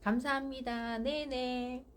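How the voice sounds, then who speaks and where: A middle-aged woman giving parenting advice on a live stream, firm and animated, acting out what mother and child say. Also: high-pitched, takes it slowly, a little hiss or hum. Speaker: parenting counselor.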